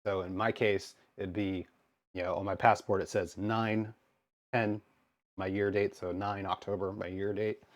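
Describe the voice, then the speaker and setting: An American man streamer telling a story to his chat in an animated, exasperated way, acting out both sides of the exchange. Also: deep voice, measured pace. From United States. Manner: animated, exasperated retelling with quoted dialogue.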